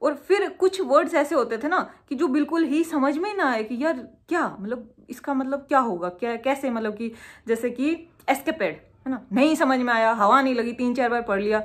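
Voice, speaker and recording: Young woman, casual chatty exam tutor, a bit high-pitched, jokes at her own expense. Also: normal speed. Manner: chatty, self-mocking, with homely memory tricks. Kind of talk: casual tips to the camera.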